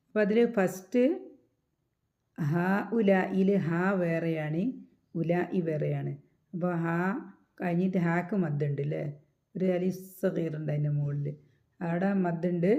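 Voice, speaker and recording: A woman teaching recitation rules step by step. She asks her own questions, answers them, and slows down to chant the example words. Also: fairly low pitch, mellow, muffled recording.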